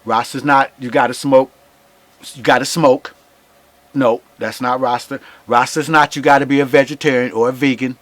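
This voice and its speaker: A man's voice: mid-range voice, fairly even intonation, moderate pace, a bit bright, no room sound. A man speaking as an interview guest in informal, impassioned Rasta-style reasoning, repeating phrases emphatically like a preacher.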